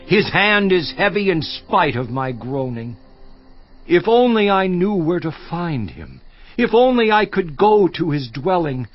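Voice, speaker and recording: An actor playing Job, a suffering man voicing a bitter complaint in a dramatized scripture reading, slow and grave, sinking at times to a hushed near-whisper. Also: high-pitched, very animated, faint music behind, exaggerated voice. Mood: anguished. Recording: slightly dull dry studio recording.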